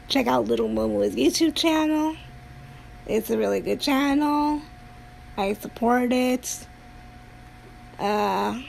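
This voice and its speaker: A woman streamer chatting casually on a livestream in a halting way, often pausing mid-sentence. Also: on the high side, vocal fry, darkish tone, slight background noise, rough recording. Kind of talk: casual rambling livestream talk.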